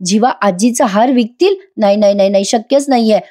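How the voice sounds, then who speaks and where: A young wife who pleads and insists, near tears, as a woman narrator puts her on. The voice is a medium-pitched woman's voice, only a little raised for the part. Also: a little fast, dark tone, close to an everyday voice. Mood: pleading.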